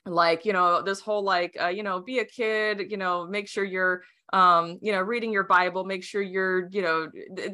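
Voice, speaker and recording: In a relaxed interview chat, this podcast guest, a young American woman who grew up speaking Romanian, talks in a lowish voice that sounds pushed and bright. Her speech wanders, full of fillers and restarts, and she laughs often.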